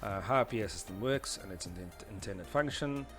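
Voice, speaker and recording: Fairly low in pitch yet bright in tone, this man talks a little fast and expressively as he walks through slides and diagrams in his tutorial series. He explains hesitantly and conversationally, with frequent "you know"s, over soft background music.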